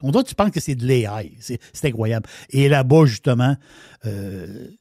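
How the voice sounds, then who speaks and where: A man's voice: medium pitch, animated, moderate pace, mellow, no echo, studio quality. A man with a Québécois French accent giving a wine segment on a radio show, in enthusiastic, rambling casual chat with many restarts. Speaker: wine columnist.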